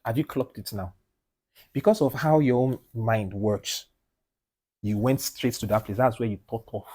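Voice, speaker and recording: This podcast co-host, a man, speaks at a moderate pace during a relaxed group conversation in a studio. He's animated and emphatic, repeating "do you understand?" and going quiet and low whenever he makes a point.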